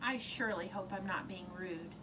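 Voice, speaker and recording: A woman voicing a bedraggled young storybook princess who talks in a pleading, halting, over-polite way. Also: medium pitch, close to an everyday voice. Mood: hesitant, polite. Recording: distant mic, clearly noisy room.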